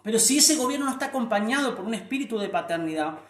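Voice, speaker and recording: A man's voice: sits high, lively intonation, fast talker, reverberant. A middle-aged man preaching a sermon, earnest, often repeating words and restarting before lifting his voice on key phrases.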